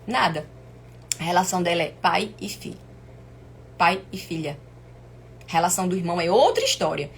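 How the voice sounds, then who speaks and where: A woman's voice: on the low side, animated, moderate pace, pauses often. A woman with a Brazilian accent and an inflamed, sore throat, teaching informally on a live stream in an emphatic, didactic way with repeated points. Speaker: family constellation teacher hosting a live stream. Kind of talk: informal live lesson to viewers. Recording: clear background noise.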